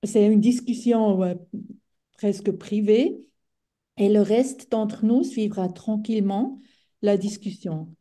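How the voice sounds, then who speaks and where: Woman, foreign accent in French, non-native speaker, relaxed dark timbre, slow pace, halting webinar explanation. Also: mid-range voice. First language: not French. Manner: halting, searching for words. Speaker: webinar co-facilitator.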